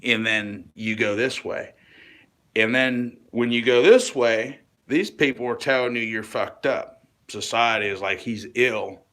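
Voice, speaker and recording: Halting, tense-voiced man rambling earnestly. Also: mid-range voice, fairly even intonation, fairly bright tone. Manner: halting, restarts often, swears casually. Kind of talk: rambling monologue to camera.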